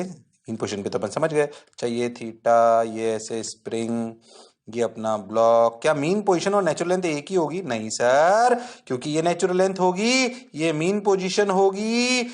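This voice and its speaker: A man teaching physics in a lively, jokey way, constantly checking that the class is following and sometimes answering his own questions in a low student voice. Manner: jokey and self-mocking. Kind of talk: online exam-prep lecture.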